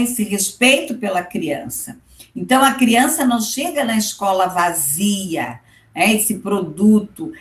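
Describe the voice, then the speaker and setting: Woman teacher, unhurried class delivery, echoey room, frequent check-ins. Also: mid-range voice, a bit bright. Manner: explains step by step with frequent "tá?" and "né?" checks. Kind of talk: online class lecture.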